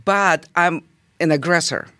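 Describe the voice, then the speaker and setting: A woman from Russia, a native Russian speaker, talking earnestly as an interview guest, halting often with fillers. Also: on the low side, sharp tone, no room sound, studio quality. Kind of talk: conversational interview.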